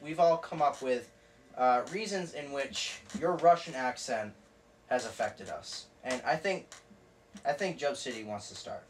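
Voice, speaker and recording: A young man earnestly running a mock intervention, halting and repeating himself. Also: medium pitch, lively intonation. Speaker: friend leading an intervention. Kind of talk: comedy sketch. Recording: distant mic with faint hiss.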